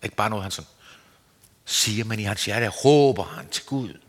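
A man giving an earnest, searching sermon as a preacher, his pitch rising and falling. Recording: long hall reverb.

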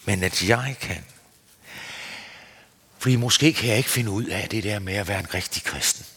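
A man giving an earnest, searching sermon as a preacher, his pitch rising and falling. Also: a bit bright, husky. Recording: long hall reverb.

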